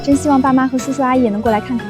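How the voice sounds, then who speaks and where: A woman's voice: sits high, fairly even intonation, very fast, natural voice. A young woman playing a devoted fiancée who speaks eagerly and gushes in a drama. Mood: delighted. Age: young adult. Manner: eager, gushing. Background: soft music.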